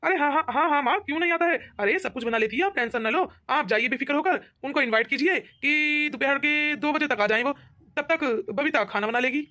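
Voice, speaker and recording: A woman's voice: sits high, a little fast, sharp tone. Woman playing a cheerful young cartoon husband. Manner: cheerful, scheming. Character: easygoing young husband and son. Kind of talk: cartoon voice acting.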